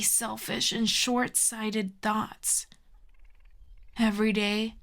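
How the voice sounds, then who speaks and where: A woman with a fairly high pitch plays a telepathic villain in an intimate audio drama roleplay, sounding bitter and disdainful. She is cool and commanding but grudgingly tender, speaking in a measured, dry, hushed way.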